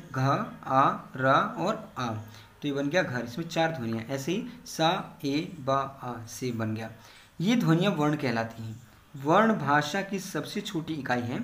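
A male teacher giving a grammar lesson, explaining step by step and repeating key terms in English. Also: a little high. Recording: echoey room.

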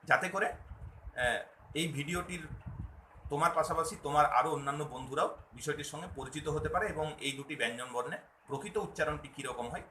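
A man's voice: a little high, pushed and bright, slight background noise. Man, video language lesson, patient repeating teacher, asks and answers his own questions, echoey room.

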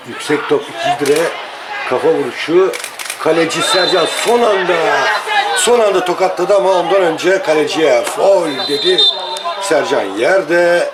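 A man giving live football play-by-play in short, clipped phrases, often repeating himself. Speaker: football match commentator. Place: outdoor amateur football ground. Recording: noisy outdoor pitch, crowd shouting behind. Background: crowd and players shouting, loud outdoor noise.

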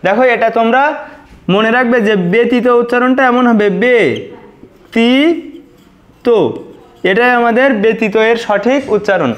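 A man's voice: very high voice, fairly even intonation, brisk. A man teaching a lesson, patiently repeating words and breaking them into syllables. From Bangladesh. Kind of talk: spoken exam-prep lesson.

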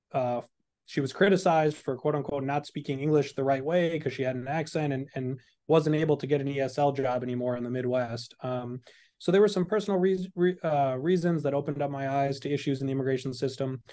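A man's voice: medium pitch, dark tone. A man in his thirties, a law professor, speaking frankly and conversationally on a webinar panel over a video call. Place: indoor room on a video call. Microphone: video call webcam.

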